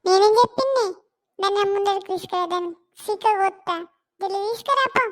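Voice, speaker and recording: A woman voicing a quarrelsome gossiping village auntie in a comedy skit, with a Telangana Telugu accent and a scolding manner. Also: fast talker. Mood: indignant. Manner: shrill, scolding, loud.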